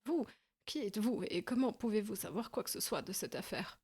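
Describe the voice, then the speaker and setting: A woman's voice: medium pitch, lively intonation, fairly quick, darkish tone, breathy edge. A woman reading an audiobook, voicing a small, nervous man with a tremulous, whining voice.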